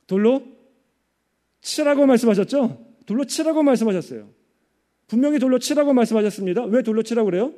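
A male pastor preaching a sermon earnestly, with many rhetorical questions and quiet, hushed passages. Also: very high-pitched.

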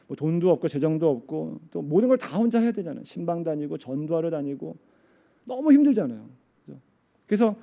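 A man's voice: high voice, creaky, warm tone. A middle-aged male pastor telling a story in his sermon with feeling and often checking in with the congregation.

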